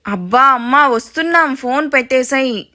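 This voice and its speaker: Woman doing an impatient young guy, brushing off, bright high voice, storybook audio. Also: fairly even intonation, fairly quick.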